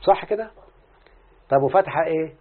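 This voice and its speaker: A man's voice: a little high, normal speed. A man with an Egyptian accent works through an Arabic grammar lesson step by step and keeps checking with his teacher. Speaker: student reciting a grammar lesson. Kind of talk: Arabic morphology lesson, question and answer. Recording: tinny phone-like recording.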